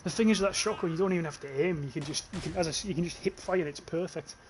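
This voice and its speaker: Rapid-fire and a little high-pitched, a young northern English man talks through his gameplay stream with a crowd audible behind him. He's casual, swears offhand, and reads out comments from chat.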